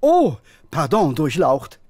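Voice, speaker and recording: A man's voice: on the high side, wildly swooping pitch, slow, a little mellow, no echo, clean studio sound, exaggerated voice. A man voicing a courteous, nervous, gloomy ogre in a video game, speaking politely and theatrically. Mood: courtly.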